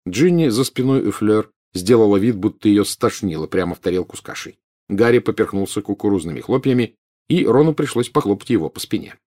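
A man narrating a storybook with expressive reading. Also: lowish voice. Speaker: audiobook reader.

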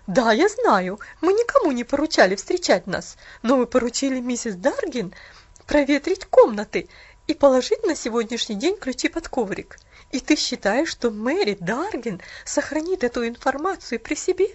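A woman voicing a stern, bitter middle-aged aunt in mourning, talking sharp and clipped like she's giving orders, read aloud in a storybook. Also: sits high, lively intonation, brisk, hardly any pauses, dull audio. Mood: curt, bitter.

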